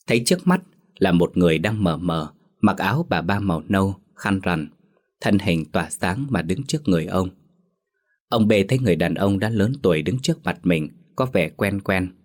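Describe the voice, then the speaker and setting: A man narrating a ghost story in a steady, measured way. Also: sits low.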